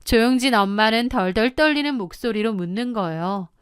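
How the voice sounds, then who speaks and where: A woman's voice: fairly high pitch, moderate pace, clear, resonant tone, no room sound, clean studio sound. A woman narrating her own story in the first person, confiding and matter-of-fact.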